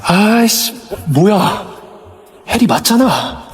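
Audio drama: actor as flustered young man, hesitant muttering, drawn-out pace, faint music behind. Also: sits high, big pitch swings, full character voice. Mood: flustered, dismayed.

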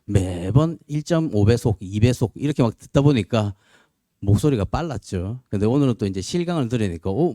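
Animated chatty male lecture voice. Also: medium pitch, no echo, clean studio sound. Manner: chatty and animated, acts out students' and family's lines. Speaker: police promotion exam instructor. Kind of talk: classroom lecture, pep talk. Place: lecture room.

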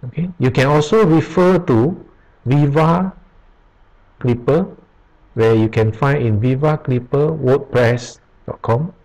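This programming tutor reads web pages aloud as voice-over on a screen-recorded lesson, speaking slowly, stopping often, and starting sentences again. He has a mid-range, darkish voice, and the recording sounds rough.

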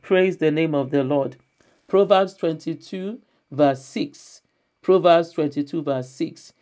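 A woman's voice: sits low, slow pace, warm tone. A woman pastor preaching a church sermon, repeating her key phrases emphatically and reading scripture aloud.

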